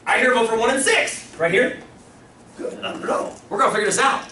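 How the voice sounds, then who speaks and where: A man's voice: very high voice, brisk, pushed and bright, a little hiss or hum. A man teaching a classroom, playful, laughing easily and counting results aloud. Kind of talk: classroom lecture. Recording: echoey classroom, mic at a distance.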